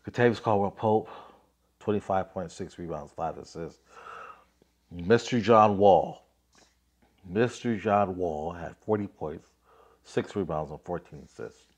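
A deep, slightly mellow-voiced man in his thirties rants casually about basketball on a podcast, reading out scores with lots of fillers in an offhand manner. He coughs, still getting over a cold, and records on a phone in selfie framing.

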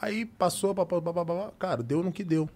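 A man's voice: sits high, a little fast, a little mellow. A young Brazilian man, a podcast guest, telling an emotional personal story in casual talk and acting out the dialogue.

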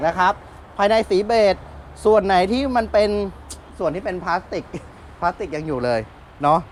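A man giving a chatty, casual walkaround of a used van as its dealer, speaking politely and often pausing to restart, outdoors beside the vehicle. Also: on the high side, a bit bright, a little hiss or hum. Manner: chatty salesman, polite filler particles, stops and restarts. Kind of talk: casual car walkaround review.

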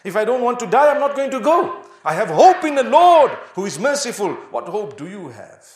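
A man's voice: very high-pitched, sing-song, normal speed, echoey room. A man giving an Islamic sermon, emphatic and full of rhetorical questions. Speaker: Islamic preacher.

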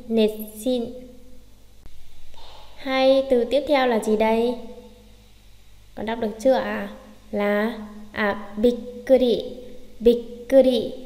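A woman with a somewhat high voice teaches step by step, often posing a question and then answering it herself. The room rings with a long, hollow reverb. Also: a little mellow. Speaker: Japanese teacher. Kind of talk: explaining lesson.

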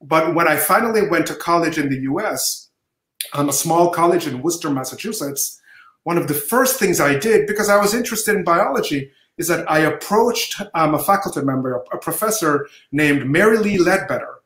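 A middle-aged man from Jamaica, a professor, answering interview questions over a video call with measured storytelling. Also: fairly high pitch, animated, a bit bright. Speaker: guest professor. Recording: roomy video-call audio.

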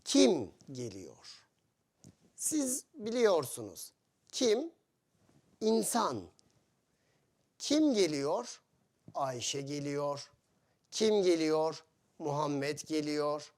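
Guy teaching his language super slow, bouncy up and down voice, little phrases over and over. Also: a little high, expressive, a little mellow. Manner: speaks in short, deliberate phrases with repeated examples. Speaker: Turkish teacher. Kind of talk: slow, simplified teaching of Turkish to foreigners.

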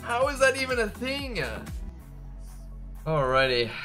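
A man streaming a video game, hyped up, shouting in bursts and swearing as he plays. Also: very high-pitched, big pitch swings, unhurried, faint music behind. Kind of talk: excited gameplay streaming.

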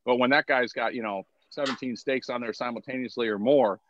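A man's voice: mid-range voice, brisk, fairly bright tone, lo-fi sound, slight background noise. A man speaking as a guest in a casual chat, easygoing and hedging as he talks. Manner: easygoing, hedging with "you know" and "I mean". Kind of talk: casual conversation.

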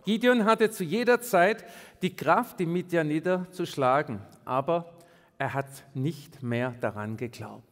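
A male pastor delivering an emphatic sermon, swinging between raised and hushed delivery. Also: on the high side, unhurried. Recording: long reverb in a large hall.

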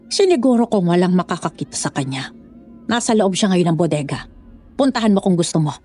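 A woman's voice: lowish voice, sing-song, a little fast, a little mellow. A woman playing a scheming, commanding older woman in a dramatized horror story, speaking in a scolding, condescending manner.

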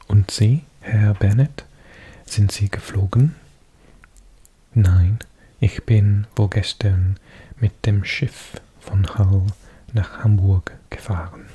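Male ASMR whisperer: mellow, slow, soft reading delivery, close-miked. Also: fairly low pitch, husky. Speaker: ASMR video host.

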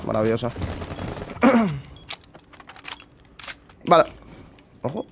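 A young man from Spain with a Spanish accent, commenting on his own game in his bedroom at home, swinging between muttering and excited shouting, and swearing a lot. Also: medium pitch, extremely slow, creaky, noisy background. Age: young adult. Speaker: gamer streamer. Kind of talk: live gameplay commentary.

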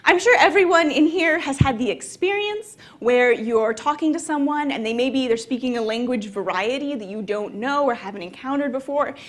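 A woman's voice: high voice, expressive, normal speed, few pauses. A young woman from the American South giving a conversational conference talk with frequent fillers. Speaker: conference speaker. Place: conference hall.

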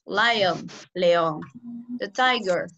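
A woman English teacher with a Peruvian Spanish accent, giving an online class slowly and with a lot of repetition. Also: lowish voice, creaky, a bit bright. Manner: slow and repetitive, code-switching. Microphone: video call. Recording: muffled video call audio, faint noise.

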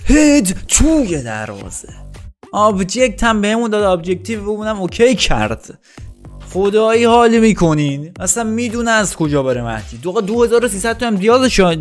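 A young man commenting excitedly on his own football video game match, shouting at the players and joking with viewers. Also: sits high. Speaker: gaming YouTuber.

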